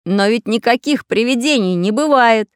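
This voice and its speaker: A woman's voice: mid-range voice, expressive, brisk, no echo, studio quality, voice pushed up, natural voice. A woman doing Samodelkin, bossy little iron craftsman. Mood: stern. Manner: loud, commanding, grumbly. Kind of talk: storybook narration.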